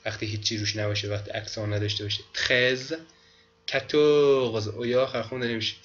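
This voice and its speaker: Guy teaching french, repeats every word slow, sharp tone, kinda dull audio. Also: lowish voice, steady tone. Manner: slow repetitive drilling of pronunciation. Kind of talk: online language lesson.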